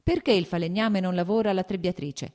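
A woman's voice: on the low side, brisk, a little mellow, close to an everyday voice. A woman reading the part of a short-tempered landowner man who fires off impatient, scolding questions.

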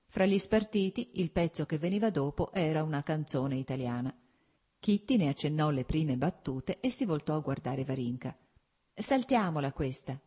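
A woman reads a novel aloud in measured, even narration. Her voice sits low with a dark, mellow tone and a husky grain. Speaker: audiobook narrator. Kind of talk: scripted narration.

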